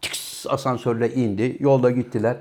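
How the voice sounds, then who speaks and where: A man's voice: mid-range voice, steady tone, moderate pace, darkish tone, a little hiss or hum. A man co-hosting a comedic talk show, moralizing in a mock-indignant, theatrical way. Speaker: co-host. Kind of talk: comedic casual banter.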